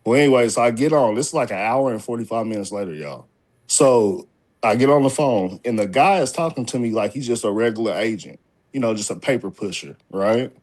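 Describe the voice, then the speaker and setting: A man's voice: medium pitch, expressive, brisk, darkish tone. A man telling a rambling, casual story on a video call, restarting his sentences and calling his listeners "y'all". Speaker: caller sharing a story.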